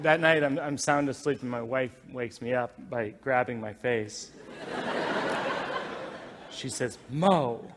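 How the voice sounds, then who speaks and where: A man doing stand-up storytelling in a wry, animated, self-deprecating way. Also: mid-range voice, measured pace, long pauses, big-room sound, slight background noise. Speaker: stand-up comedian.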